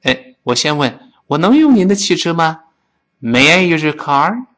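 A man leads a spoken English lesson in a lively voice. His pitch sits a little high and swings widely, and he drills each phrase slowly before speeding it up. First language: Chinese. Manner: animated, drills phrases slowly then fast. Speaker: English teacher.

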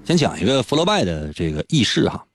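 A man's voice: fast, noisy background. Playful man telling radio stories. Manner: playful, teasing, jumps into high excited pitch. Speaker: radio host. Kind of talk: comic radio storytelling. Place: radio studio.

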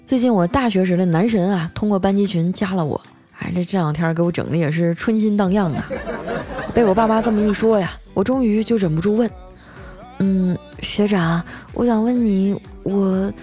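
A woman's voice: medium pitch, fast, mellow. Young female storyteller, chatty comic delivery, music bed underneath. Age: young adult. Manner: chatty, many filler particles. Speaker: comedy storyteller.

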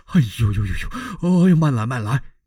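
A man's voice: mid-range voice, lively intonation, fairly quick, mellow, breathy edge, no room sound, clean studio sound. Dong Zhuo, a man doing a doting old chancellor. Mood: coaxing. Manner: fussing, coaxing old voice. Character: old powerful male chancellor, doting and blustering.

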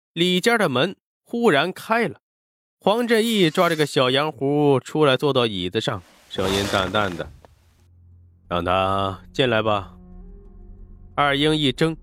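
A man narrating an audiobook with expressive storytelling. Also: fairly high pitch, dry recording.

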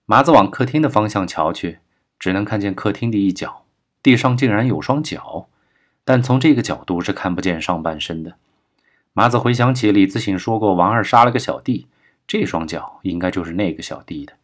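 A male audiobook narrator with a lowish voice, reading a crime novel at a steady, measured pace. The delivery is even and controlled. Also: husky.

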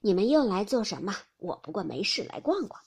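An elderly matriarch of a noble house chides and indulges in measured tones, as a woman storyteller puts her on. Her pitch swings with lively turns. A breathy softness colors the voice. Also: full character voice. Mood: chiding.

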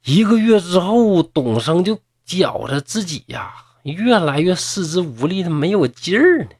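A man's voice: high-pitched, very animated, unhurried, a little mellow, dry recording, studio quality. A man telling a folk tale in a chatty manner with mocking asides. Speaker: storyteller.

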